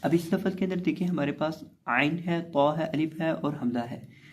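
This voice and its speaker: A man with a fairly high voice gives a recorded lesson on Quran reading. He explains the rules patiently and repeats each word slowly, drawing out the recited syllables. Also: slight background noise. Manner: patient, repetitive, spelling out letters and drawn-out recitation.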